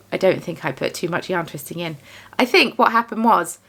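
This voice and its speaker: Chatting over her vlog footage in her home craft studio, a young yarn dyer and small business owner rambles about her work with self-deprecating humor. Her lowish voice is animated, bright and forceful, at a moderate pace.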